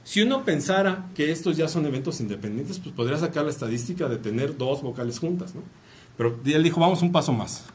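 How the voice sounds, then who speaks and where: Man, Mexican Spanish accent, casual academic talk, joking asides, quick pace, distant mic. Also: fairly high pitch, animated. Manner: chatty, tags phrases with a questioning "no?", joking asides. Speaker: university lecturer. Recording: distant mic with faint room noise.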